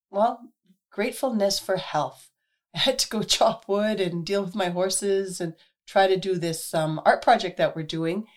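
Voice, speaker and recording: Woman, radio host, hoarse and husky, lowish voice, chatty and earnest. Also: a little mellow. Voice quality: husky, gravelly. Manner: chatty, earnest, many fillers. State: hoarse from illness. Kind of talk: casual radio monologue.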